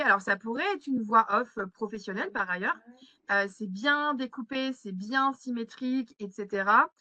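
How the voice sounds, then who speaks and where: Bright-voiced woman trainer, filler-heavy webinar talk. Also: a little high, no room sound. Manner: hesitant, many fillers, reads chat replies aloud. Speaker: trainer leading an online session. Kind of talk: live webinar teaching. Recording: slightly muffled webinar audio.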